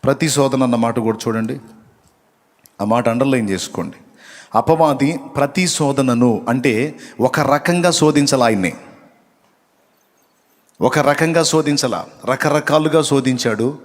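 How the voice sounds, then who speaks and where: Guy giving a sermon, middle pitch, reads verses and asks the crowd stuff, big echoey hall. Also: a little slow, long pauses. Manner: questions the congregation and repeats key phrases. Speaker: preacher. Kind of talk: sermon with Bible reading. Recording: long reverb of a hall.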